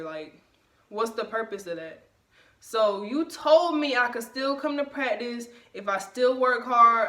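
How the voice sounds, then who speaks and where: A young woman tells a story straight to camera in an emphatic, indignant way, her voice bright and forceful. The room rings around her, and the mic sits a little way off, so the sound is roomy and distant. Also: mid-range voice. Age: young adult. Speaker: vlogger. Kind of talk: casual storytime vlog. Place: bedroom, at night.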